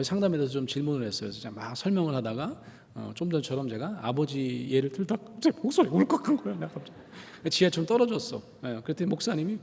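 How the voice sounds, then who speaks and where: A man lecturing in a church on empathy, his slightly high voice swinging widely in pitch as he quizzes the crowd and acts out little scenes in different voices. The sound carries a long reverb from a large sanctuary. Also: creaky. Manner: animated, acts out dialogues in changing voices, asks the audience questions. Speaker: guest lecturer at a church prayer meeting. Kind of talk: lively church lecture on empathy with acted examples.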